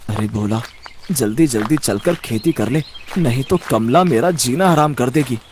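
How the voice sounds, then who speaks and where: A man's voice: mid-range voice, moderate pace, slight background noise, pitched below the performer's own voice, close to an everyday voice. A man voicing a meek, kind-hearted young farmer in a cartoon story, timid and hesitant. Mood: worried. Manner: timid, soft-spoken, hesitant. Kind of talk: cartoon voice acting.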